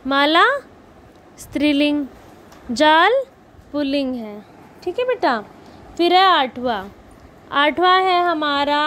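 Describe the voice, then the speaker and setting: A woman's voice: high-pitched, a bit bright. A woman teaching a grammar lesson to young children, patiently asking and repeating questions and calling her pupils dear. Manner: patient, repetitive questioning, calls pupils beta. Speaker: primary school teacher.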